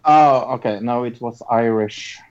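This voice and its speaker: A woman's voice: rumbling low, darkish tone, dull audio. A Norwegian-born woman whose first language is Norwegian, hosting a casual guessing game with friends and laughing easily. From Norway. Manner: laughs easily, unhurried and chatty. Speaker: quiz host reading accent clues.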